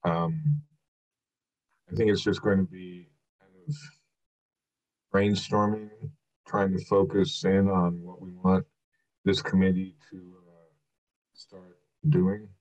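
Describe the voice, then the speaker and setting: A very deep-voiced man leads a meeting from his computer, pausing often with fillers. His call audio sounds dull and lo-fi, fading in and out as he speaks. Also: little pitch movement, a little mellow. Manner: hesitant, many fillers. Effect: muffled remote call audio fading in and out. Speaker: commission chair leading a meeting. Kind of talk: casual meeting talk. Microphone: computer on a video call.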